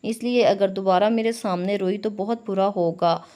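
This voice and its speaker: A woman's voice: medium pitch, fairly even intonation, normal speed, mellow, close to an everyday voice. A woman voicing a rude, domineering young husband in a read-aloud romance story, speaking in threats and commands. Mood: harsh.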